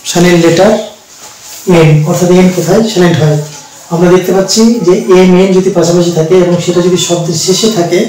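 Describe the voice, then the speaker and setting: A man teaching an English pronunciation lesson, patiently explaining step by step and repeating words slowly for learners. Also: fairly high pitch, darkish tone, slight background noise. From Bangladesh. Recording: very echoey room, mic at a distance.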